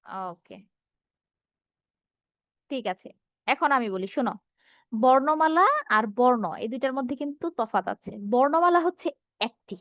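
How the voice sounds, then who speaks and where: A woman's voice: high-pitched, lively intonation, measured pace, pauses often, no echo, lo-fi sound. A woman teacher giving an online class, reading out her students' answers and asking rhetorical questions, speaking with a Bangladeshi Bengali accent.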